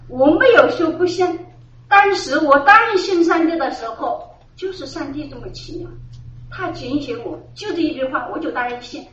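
A middle-aged woman with a high voice gives an earnest church testimony, circling back to the same phrases and laughing now and then. She sounds far from the mic in a roomy space, and the recording is dull and muffled. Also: expressive, moderate pace, fairly bright tone. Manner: earnest, repeats phrases, laughs while telling. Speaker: church member giving testimony. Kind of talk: personal religious testimony. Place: church gathering. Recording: echoey, distant, dull room recording.

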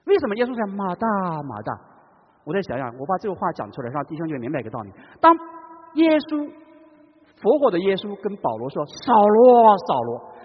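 Man preaching, dramatic, husky, lively pitch swings, dull recording with long hall reverb. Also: quick pace. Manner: dramatic, swings between loud calls and hushed tones. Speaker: pastor. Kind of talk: sermon.

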